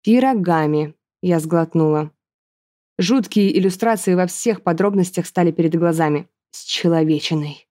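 A woman narrating a first-person fantasy audiobook in a lively, expressive way. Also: on the low side, moderate pace.

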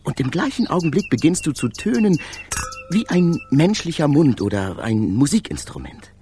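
In a literary radio drama, a male actor plays a dreamy, fervent poet-inventor who travels through space, delivering his lines theatrically and poetically. His slightly high voice has a dark tone and is very animated at normal speed, sounding rapt and marvelling, with faint music behind him.

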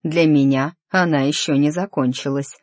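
A reader voicing a tense, stubborn young nobleman in an audiobook, speaking slowly and with restraint. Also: medium pitch, fairly even intonation, a little mellow, no echo, clean studio sound, close to an everyday voice. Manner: restrained, clipped, slow. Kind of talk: audiobook character dialogue.

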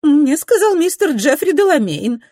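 A woman voicing an excitable young society widow who talks in a high, breathless, gushing rush. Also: moderate pace, dry recording, clean studio sound.

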